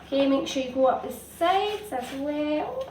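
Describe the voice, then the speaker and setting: A woman's voice: high voice, expressive, normal speed. A woman hosting a baking demonstration for children, giving simple, encouraging step-by-step instructions. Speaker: host of a children's baking show. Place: indoor home kitchen. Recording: echoey noisy kitchen, distant mic, utensil clatter.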